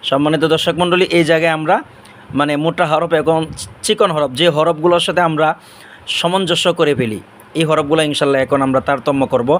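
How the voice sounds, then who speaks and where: High-voiced man drilling letter sounds. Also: steady tone, quick pace. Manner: explains mouth and throat positions patiently. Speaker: Arabic teacher. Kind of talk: pronunciation lesson.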